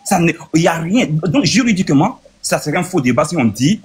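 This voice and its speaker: A man in his thirties from Burkina Faso argues in a heated debate, speaking rapidly and earnestly while reasoning point by point. His voice is fairly high, very animated, husky and a little mellow.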